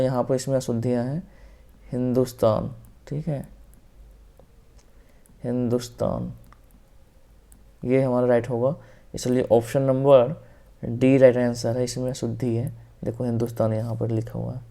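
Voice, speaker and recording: A man with a Hindi-speaking North Indian accent teaches an exam-prep grammar lesson, working through questions step by step and repeating the correct answers. His medium-pitched voice has vocal fry and often drops quietly at the end of a phrase.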